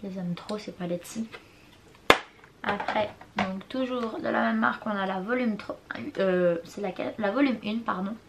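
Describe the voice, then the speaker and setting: A woman's voice: medium pitch, normal speed. Young woman vlogger, casual and chatty, stumbles over names, faint hiss. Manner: chatty, hesitant over product names, apologetic about pronunciation. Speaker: beauty vlogger. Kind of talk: casual makeup collection show-and-tell. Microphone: compact camera mic.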